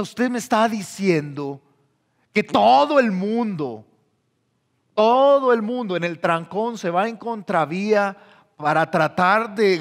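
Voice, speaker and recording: A man's voice: high voice, long reverb tail. A man from El Salvador, preaching a sermon as a pastor and acting out the people he quotes. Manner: animated, acts out quoted voices. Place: church hall.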